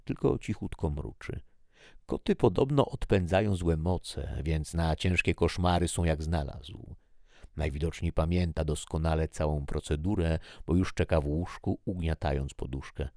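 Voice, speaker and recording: A man narrating a first-person story in a measured, reflective way. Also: rumbling low, gravelly, a little mellow, no echo, clean studio sound.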